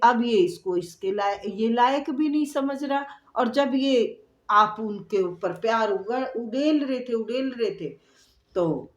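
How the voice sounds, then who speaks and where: A woman talks viewers through a tarot reading, slowly and at length, repeating her points and addressing them directly. Her voice sits a bit high. The room around her is noticeably echoey. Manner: warm, repetitive, chatty explaining, addresses viewer directly. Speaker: tarot reader.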